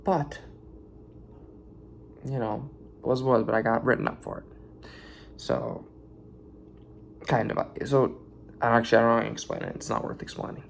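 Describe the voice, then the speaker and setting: A man's voice: mid-range voice, steady tone, moderate pace, gravelly, long pauses, slight background noise. A tired young man venting in a casual vlog rant about his warehouse shift, rambling and swearing.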